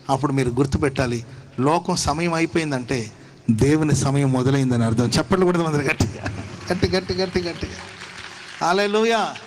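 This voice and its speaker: High-voiced exhorting male pastor. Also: a little hiss or hum. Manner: exhorting, call-and-response with the congregation. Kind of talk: sermon. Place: church service.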